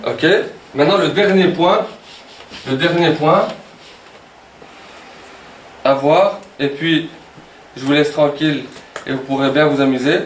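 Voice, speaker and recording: A man's voice: a little high, measured pace, long pauses, a little hiss or hum. A man teaching a beginners' Arabic class, often repeating words and checking with "ok?". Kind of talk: classroom lesson. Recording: echoey room, voice from a distance.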